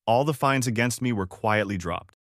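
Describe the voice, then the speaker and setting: A man telling a first-person story in a measured, even narration. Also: mid-range voice, no room sound.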